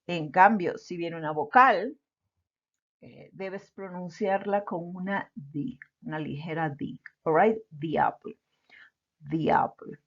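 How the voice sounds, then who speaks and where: A woman's voice: fairly low pitch, slow, a bit bright. A woman teaching an English lesson patiently, repeating example words and checking in with "all right?". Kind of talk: slow explanatory lesson. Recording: dull lo-fi recording.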